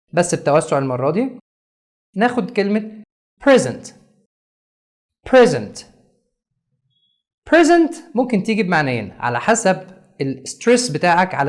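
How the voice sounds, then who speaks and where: An Egyptian man teaching an English lesson for beginners in a very animated voice that swings up and down. He explains in Arabic, then sounds out English words slowly and with heavy stress on each syllable. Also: sits high. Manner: slow, over-stressed English pronunciation drills.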